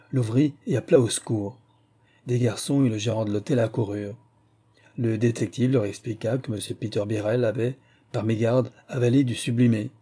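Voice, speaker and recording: Man, audiobook narration, dark tone, husky voice, steady reading. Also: lowish voice. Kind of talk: scripted narration.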